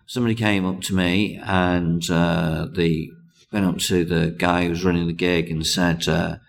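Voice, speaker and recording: Brief: male comedian, lower-pitched voice, halting, relaxed interview talk. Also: gravelly. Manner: hesitant, many ums and restarts. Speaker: comedian guest. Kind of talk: casual interview chat.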